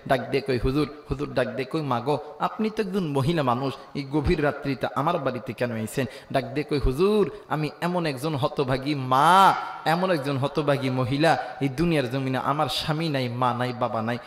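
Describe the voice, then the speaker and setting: A man preaching a chanted sermon, telling a story in a sing-song, drawn-out way and calling out to the crowd. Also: mid-range voice, roomy sound, in a large hall. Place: outdoor religious gathering.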